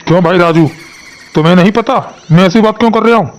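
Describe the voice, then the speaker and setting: A man's voice: sits high, quick pace, close to an everyday voice. A man voicing a timid, fearful young village man in a cartoon, speaking in a nervous, pleading way. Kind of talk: cartoon voice acting.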